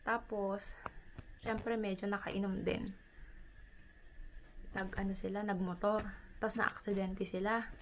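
A woman from the Philippines, a vlogger, retelling a painful personal story in a halting, emotional way with many pauses and fillers. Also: medium pitch, little pitch movement, slight background noise, poor audio.

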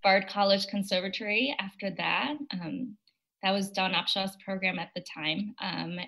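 A young woman from China speaks in a bright, clear-edged voice over a video call. She answers interview questions thoughtfully, with plenty of "um"s along the way. Her pitch sits in a middle range for a woman. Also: moderate pace, poor audio. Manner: thoughtful, with frequent fillers and light laughs. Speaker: opera singer, guest.

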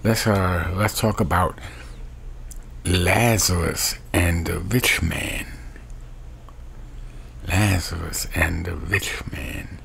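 A middle-aged man preaching a webcam sermon from a small bedroom, with a slow, repetitive preaching cadence. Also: deep voice, fairly even intonation, vocal fry, fairly bright tone, slight background noise. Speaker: street preacher.

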